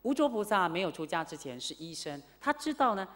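A woman Buddhist nun teaching a class, telling a story with lively asides and questions to her listeners. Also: fairly low pitch, fairly quick. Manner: animated, asks the class questions. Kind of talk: storytelling sermon lecture. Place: Buddhist centre lecture hall.

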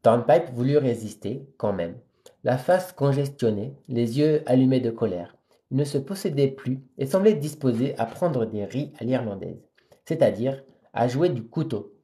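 Mellow-voiced man reading a novel aloud. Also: mid-range voice. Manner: reads steadily, then sums up in plain hesitant talk. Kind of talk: live reading aloud with chatty asides to viewers.

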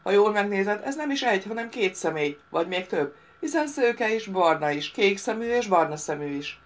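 A woman voicing a vain, sly male mercenary leader who shouts his boasts in an audiobook. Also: mid-range voice, expressive, lightly acted.

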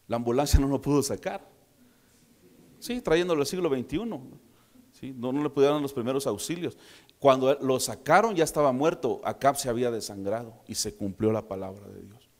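A male pastor from preaches to his congregation, telling the story with vivid acted-out moments and joking asides. His voice sits at an ordinary middle pitch. It rings out with the long reverb of a church hall. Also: lively intonation, normal speed, a little mellow. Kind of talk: sermon.

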